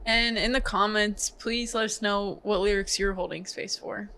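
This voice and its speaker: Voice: medium pitch, fairly even intonation, normal speed, sharp tone, clear, resonant tone, no room sound. A podcast co-host in casual chat, playful and teasing.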